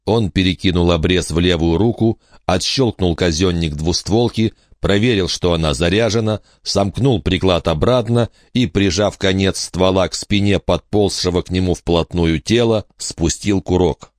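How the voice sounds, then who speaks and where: A man narrating a horror audiobook in a measured, steady storytelling manner. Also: deep voice, no room sound, studio quality.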